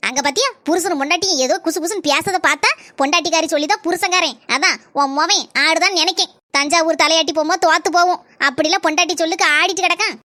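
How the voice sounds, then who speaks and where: Shrill scheming cartoon wife, played by a woman, Kanyakumari Tamil accent, very high and fast, dry. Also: pushed and bright, dry recording. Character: scheming, suspicious young wife. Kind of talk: cartoon voice acting.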